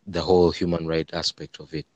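A man with a Ugandan East African accent answering interview questions in a measured, hesitant way, often repeating words. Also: sits low, level tone, muffled recording, noisy background. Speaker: interview guest, human rights lawyer.

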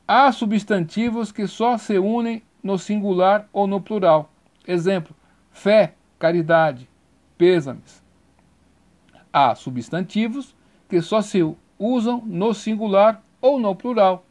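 Slow, high-voiced grammar teacher. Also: male voice, a little mellow. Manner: spells out letters and repeats rules slowly. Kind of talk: recorded grammar lesson.

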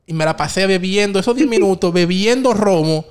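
Smooth, high-voiced man. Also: fairly quick. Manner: relaxed, slangy, acts out his own quotes. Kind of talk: casual chat, storytelling.

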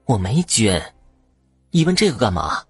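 A man voicing a sharp-tongued middle-aged wife in an audio story, speaking in a shrill, indignant way. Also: sing-song, a little slow, slightly rough, dry recording, faint music behind, heavily acted. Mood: hushed.

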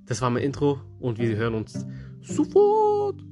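A man's voice: medium pitch, huge pitch swings, measured pace, music in the background. A young man hosting a casual storytelling podcast, joking and slangy, with playful restarts. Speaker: podcast host.

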